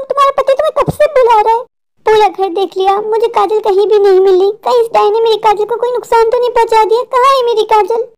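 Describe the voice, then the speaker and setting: Whiny scared husband for a cartoon, voiced by a woman, pitched very high, panicky. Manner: fretful, complaining, panicky. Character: frightened, whiny adult husband, mall owner. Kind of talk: cartoon voice acting.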